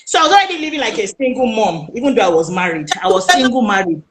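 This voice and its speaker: A woman with a Nigerian accent recounts her own story as an interview guest. Her voice sits fairly high, and she tells it with lively emphasis, slipping into the voices of the people she quotes. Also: quick pace, echoey room, slight background noise. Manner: animated, emphatic retelling that acts out quoted speech.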